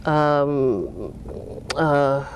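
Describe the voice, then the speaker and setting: Animated woman author, swooping pitch. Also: drawn-out words, slight background noise. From Cape Cod, US. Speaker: author being interviewed. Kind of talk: casual interview talk.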